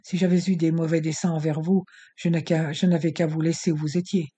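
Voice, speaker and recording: A man's voice: a little high, little pitch movement, brisk, warm tone, husky. A man voicing a proud, defiant young woman who answers coldly and firmly in an audiobook. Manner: cold, firm, contemptuous.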